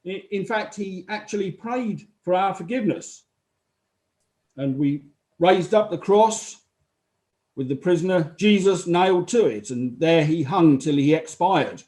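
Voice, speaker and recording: A man with a high, somewhat dark-toned voice, animated yet a little slow, plays a matter-of-fact Roman army officer testifying in a dramatized inquiry. His testimony is unemotional, explanatory and detached.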